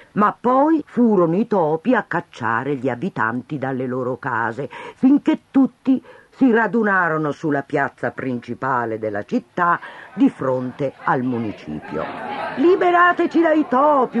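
A man narrating a fairy tale in an expressive storybook reading. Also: a little high, lo-fi sound.

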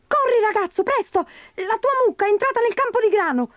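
A woman voicing a tiny, crafty male leprechaun cobbler in a high, squeaky, pleading voice. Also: expressive, fairly quick, fairly bright tone, dry recording, clean studio sound. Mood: wheedling.

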